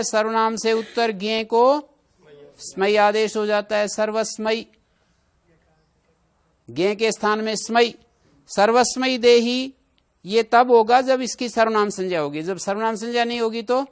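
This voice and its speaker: A man's voice: high voice, clean tone. A man teaching a Sanskrit grammar class, explaining rules with everyday examples and putting questions to his students.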